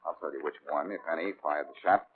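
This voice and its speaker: A man's voice: very deep voice, fast. An actor playing a cool-headed, wisecracking male detective in an old radio drama, with dry, sardonic quips. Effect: old radio broadcast. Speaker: detective lead. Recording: tinny old radio recording with faint hiss.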